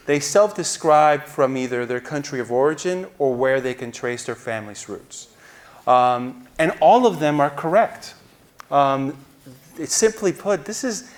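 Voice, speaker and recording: A man in his forties from New Jersey, answering as a journalist on a stage panel, explaining at length and gesturing as he talks, into a lapel mic. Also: on the high side. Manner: explanatory, gestures while talking. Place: auditorium stage.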